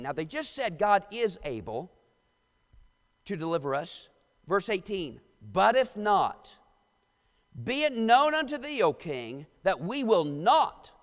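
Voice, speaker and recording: A male pastor with a Midwestern American accent, preaching a sermon and reading scripture aloud with emphasis. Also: fairly high pitch. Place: church sanctuary. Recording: long church hall reverb.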